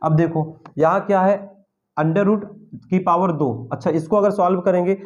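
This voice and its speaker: A man's voice: sits high, steady tone, normal speed, darkish tone, dull audio. A man teaching a physics lesson, working through a derivation step by step, repeating each step and asking his students questions as he goes. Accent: Hindi-speaking North India. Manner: repeats steps and asks students questions as he writes.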